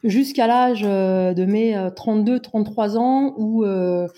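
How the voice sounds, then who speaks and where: A woman in her forties from Brittany, speaking as a podcast guest in a hesitant, self-mocking way with many pauses. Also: medium pitch, muffled recording. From Brittany, France. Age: 40s. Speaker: guest, amateur endurance runner. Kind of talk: podcast interview.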